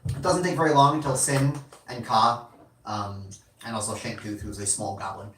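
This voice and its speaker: A man with a fairly low but bright, forward voice narrates a tabletop game, circling back with fillers as he goes. The mic sits some distance away in a reverberant room, with a faint hiss underneath. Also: fairly even intonation, normal speed. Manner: meandering, many fillers and restarts. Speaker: game master.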